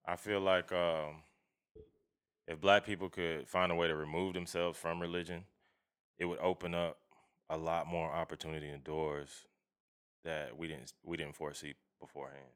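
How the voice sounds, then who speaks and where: Deep, bright-voiced man talking bluntly. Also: little pitch movement, normal speed, clear, resonant tone. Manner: emphatic, slangy, profane, often seeking agreement. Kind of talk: casual opinionated chat.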